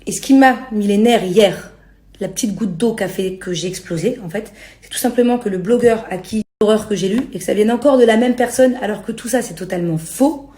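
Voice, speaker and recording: A young woman and reality TV personality rants casually to her followers, brisk, exasperated, self-justifying, and heavy on slang. Her soft-edged, mellow voice sits at a middling pitch, with a clear roomy echo around it.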